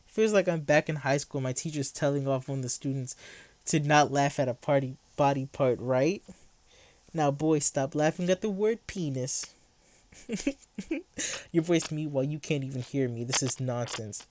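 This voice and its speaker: A streamer talking late into the night in a heated, sarcastic rant. The delivery jumps between mocking asides and blunt jabs. The pitch sits in a middle range. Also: brisk, dry recording. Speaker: livestreamer.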